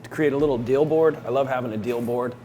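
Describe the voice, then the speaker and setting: A man's voice: mid-range voice, fast talker, warm tone, slight background noise. A man talking casually to viewers in a day-in-the-life vlog, like an informal coach explaining his plans. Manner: informal vlogger addressing viewers. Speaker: vlogger and real estate investing coach.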